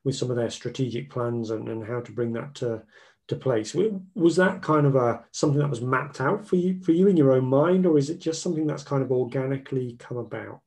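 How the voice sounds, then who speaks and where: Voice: mid-range voice, brisk, darkish tone. A podcast host asking encouraging questions, often repeating words while building a question. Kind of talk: conversational interview.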